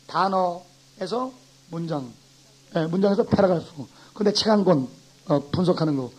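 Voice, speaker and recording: A pastor giving an animated classroom lecture, a man who acts out his examples and swings from loud to soft. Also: high voice, breathy edge, rough recording.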